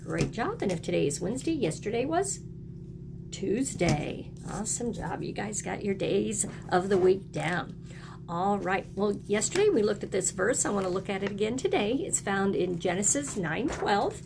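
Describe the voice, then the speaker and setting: Teaching young children, this mid-pitched, slightly creaky woman keeps things encouraging, often posing questions and prompting repetition. She speaks at normal speed with lively intonation, and noticeable background noise can be heard.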